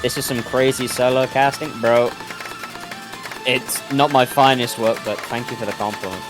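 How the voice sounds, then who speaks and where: A young man casting a rhythm game tournament on his own, rambling and joking at himself, then breaking into excited shouts. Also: medium pitch, normal speed. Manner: rambling, self-mocking, bursts into excited shouts. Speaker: solo tournament caster. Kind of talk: excitable esports commentary. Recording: streamed commentary over loud game music.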